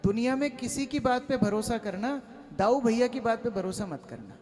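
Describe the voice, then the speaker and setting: A man's voice: very high-pitched, expressive, normal speed. A male storyteller voicing the two-year-old Krishna, cheeky and indignant. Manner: indignant, boastful child's protests.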